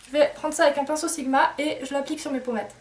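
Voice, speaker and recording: A woman's voice: sits high, steady tone, quick pace, far from the mic. A woman beauty vlogger chatting casually to camera, hesitant and filler-heavy.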